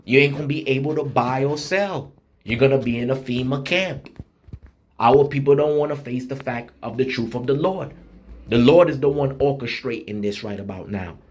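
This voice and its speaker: A man's voice: mid-range voice, a little mellow, a little hiss or hum. Blunt man preaching an online sermon. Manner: slows down and reads scripture with emphasis; blunt, street-style preaching with rhythmic repetition. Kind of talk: online sermon with scripture reading.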